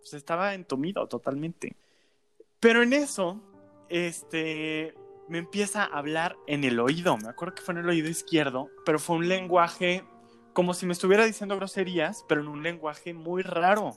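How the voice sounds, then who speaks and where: A man with a Mexican accent tells a story in relaxed, slangy speech, leaning on fillers and tag questions. His delivery is animated and conversational, and faint music plays behind him. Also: fairly high pitch, moderate pace. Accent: Mexican Spanish. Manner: animated, colloquial, filler-heavy with frequent "este" and "¿no?". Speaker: storyteller guest. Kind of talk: casual spoken storytelling.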